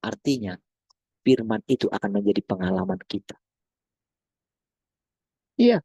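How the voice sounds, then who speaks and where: A man preaching a sermon, calling the listeners brothers and sisters and asking them one rhetorical question after another, swinging between loud and soft. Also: fairly low pitch, very animated, a little slow, gravelly, breathy edge, no echo, lo-fi sound.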